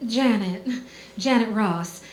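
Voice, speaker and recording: A woman's voice: mid-range voice, slow, natural voice. An actress playing a young woman eloping with her sweetheart in an old-time radio comedy stage show, light and teasing. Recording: roomy stage recording with light noise.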